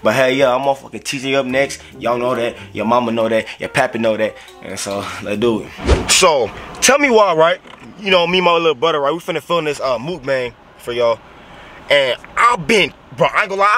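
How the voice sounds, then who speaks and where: Young man, vlogger, bright tense tone, slangy rambling talk, faint background hum. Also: mid-range voice, animated, a little fast. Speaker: YouTube vlogger host. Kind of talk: casual mukbang chat. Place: fast-food restaurant.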